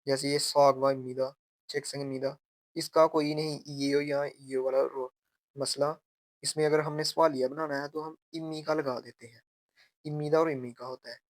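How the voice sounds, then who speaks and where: A man with a slightly high voice gives a patient grammar lesson. He talks slowly through each example and repeats key phrases, recorded close and dry with no room sound. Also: level tone, dry recording. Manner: slow, repetitive teaching, drawing out example phrases. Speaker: language teacher. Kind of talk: explaining grammar step by step.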